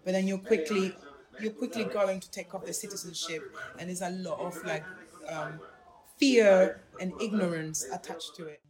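A woman's voice: lowish voice, normal speed. A woman with a slight Argentine accent explains things eagerly in casual chat. Her voice carries a roomy echo in a busy museum hall. A crowd murmurs all around her. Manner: animated, explanatory. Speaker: museum visitor interviewee.

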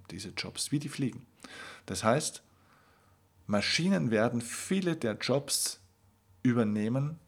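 A man hosting a podcast episode, giving an emphatic motivational monologue straight to the listener and slowing down to stress key words. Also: medium pitch, slightly rough. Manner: addresses the listener directly. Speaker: podcast host.

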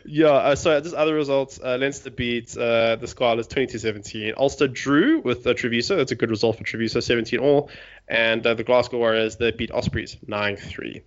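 A man's voice: medium pitch, highs cut off. A man hosting a rugby podcast, reading match results in a laid-back way with joking asides. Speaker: podcast host. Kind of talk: casual chat.

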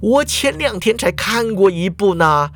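A man putting on a shrill old principal. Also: sing-song, a bit bright, full character voice. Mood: ranting. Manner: scolding, exclaiming, drawn-out. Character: excitable old male school principal.

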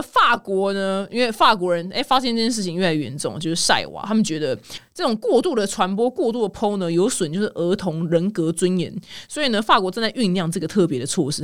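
Fast, lively Taiwanese-accented woman host. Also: mid-range voice, no room sound, studio quality. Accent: Taiwanese Mandarin. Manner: animated, teasing, ranting asides. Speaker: podcast host. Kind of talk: casual opinionated commentary.

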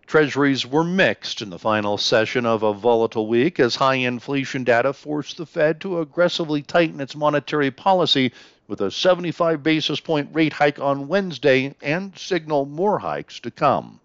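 A man's voice: mid-range voice, expressive, moderate pace, clear, resonant tone, no room sound. Man reading market news, slightly dull audio. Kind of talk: scripted financial market news narration.

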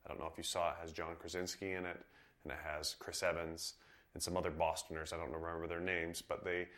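Low-voiced man from Idaho. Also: flat delivery, fast, fairly bright tone. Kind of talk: casual podcast chat.

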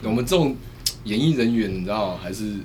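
A fast-talking man with a Taiwanese Mandarin accent chats casually as a podcast guest. He tells stories with lively, swooping pitch and bursts into loud re-enactments. The chat has a faint hum of ambience behind it. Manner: animated storyteller, swings into loud re-enactments.

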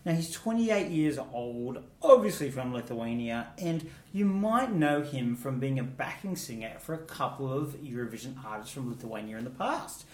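A male co-host chats casually while reviewing song contest entries, laughing often and adding fond asides. His medium-pitched voice is expressive, moderately paced, with hardly any pauses. He sits far from the mic in a room with a roomy echo.

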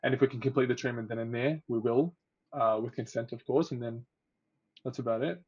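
A young man from Egypt talks in a relaxed, chatty way about his work as a guest on a podcast. His voice stays fairly flat in pitch. The sound is dull and lo-fi. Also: fairly quick, slightly rough. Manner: relaxed, chatty, laughs easily, restarts. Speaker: oral health therapist, guest. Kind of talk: casual interview. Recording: dull lo-fi audio.

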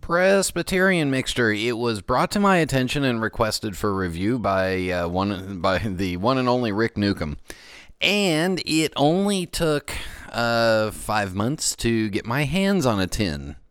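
A man's voice: medium pitch, expressive, a little slow, fairly bright tone, clear, resonant tone, no room sound, clean studio sound. A middle-aged American man hosting a casual radio-style podcast, rambling along with dryly joking asides. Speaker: podcast host. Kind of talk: casual radio-show talk.

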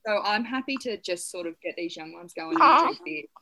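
A woman's voice: fairly high pitch, sing-song, normal speed, gravelly, background noise. A woman, an easygoing guest talking about horses she has ridden, who laughs often. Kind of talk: casual chat.

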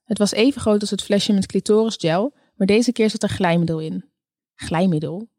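Female audiobook narrator, calm and measured, mid-pitched, dry close recording. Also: no room sound. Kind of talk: scripted narration.

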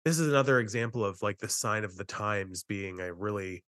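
A man's voice: lowish voice, a little fast, fairly bright tone, no echo, clean studio sound. A man co-hosting a true-crime podcast, discussing and narrating cases in a conversational way.

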